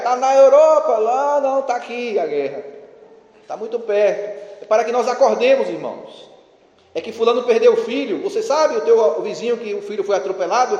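A man's voice: high-pitched, a little mellow, lo-fi sound. A priest giving a sermon in a conversational, ironic way, urging his congregation. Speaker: parish priest. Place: church. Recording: echoey church with long reverb.

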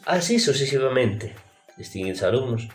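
A male teacher speaks in a formal, patient classroom manner and keeps addressing his pupils directly. His pitch rises and falls animatedly as he poses rhetorical questions. The recording has a noticeable roomy echo with faint music underneath. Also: big pitch swings, moderate pace.

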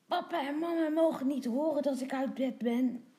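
A woman's voice: sits high, moderate pace, dark tone, echoey room, pitched above the performer's own voice, close to an everyday voice. A woman playing a stubborn little girl. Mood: pleading. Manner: eager, pleading child voice. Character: bold little girl, big sister, stubborn.

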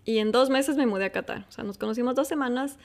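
A woman's voice: on the high side, fast, vocal fry. A woman, telling her own life story in a casual, chatty way and laughing often. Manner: chatty, laughs often, lively asides to listeners. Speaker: host.

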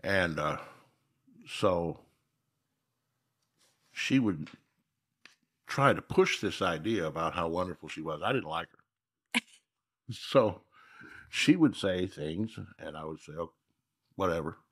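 An older man from Minnesota, a guest telling a story in a casual, animated way, laughing as he goes. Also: low-pitched, slow, long pauses, slightly rough.

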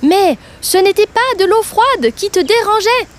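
A woman's voice: very high-pitched, animated, unhurried, pitched above the performer's own voice. A woman voicing a small, helpful male bird in a chirpy manner for a children's storybook. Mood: calling out.

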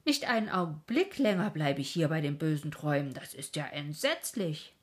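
A woman's voice: low-pitched, big pitch swings, normal speed, slightly rough, heavily acted. Woman doing Traumjörg, an eager lovestruck young man.

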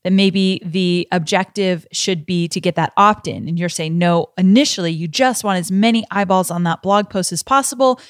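A woman's voice: on the low side, normal speed, few pauses, no room sound, clean studio sound. A woman hosting a podcast, chatting with her guest in a friendly, casual way and reflecting on what he has told her. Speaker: podcast host. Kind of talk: casual interview chat.

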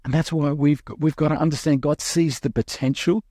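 A young adult male pastor preaching a sermon in an animated, quick way, with restarts and acted-out quotes. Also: a little high, no room sound, clean studio sound.

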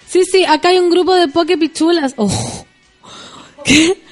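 A woman's voice: extremely high pitch, faint music behind. A young Chilean woman hosting a casual talk show, reading tweets aloud and joking with slang. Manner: joking, quick and chatty with slang. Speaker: show host.

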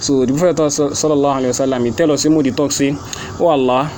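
A man's voice: medium pitch, steady tone, rapid-fire, dark tone, slight background noise. A man with a Nigerian accent in a casual religious discussion in Pidgin, teaching conversationally through paraphrase and everyday examples.

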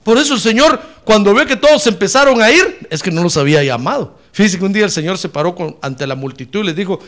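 A man's voice: high voice, lively intonation, fast, a bit bright. A man preaching a fervent sermon, often calling his listeners brother.

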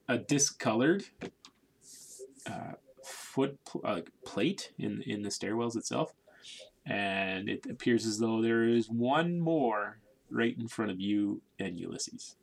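A man narrating as game master in a casual, halting way, with restarts. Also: fairly low pitch, creaky.

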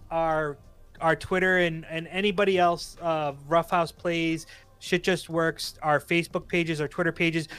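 A man's voice: a little high, a bit bright, clean tone. Boston man rambling through show announcements. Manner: rambling, promotional, self-correcting. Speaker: podcast co-host. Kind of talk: casual podcast chat.

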